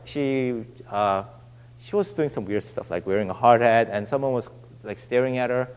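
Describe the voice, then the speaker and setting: A man's voice: medium pitch, moderate pace, darkish tone, clean tone. A young adult man preaching a sermon in a church. He talks in a loose, conversational way, with many restarts and fillers. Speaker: pastor. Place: church sanctuary. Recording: long church hall reverb.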